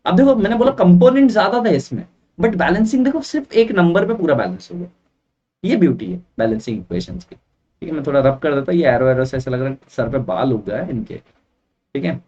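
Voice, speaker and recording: A man's voice: fairly high pitch, animated, brisk, mellow. A man teaching a chemistry lesson at a board, chatty and mixing in English phrases, often checking in with "okay, right?". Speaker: science teacher. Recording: dull, from a distance.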